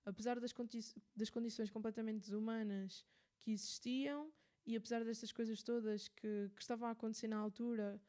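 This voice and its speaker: A woman with a European Portuguese accent hosts a radio show, explaining a subject casually as if thinking aloud, with fillers and restarts. Her voice is slightly high, level, mellow, and fairly quick.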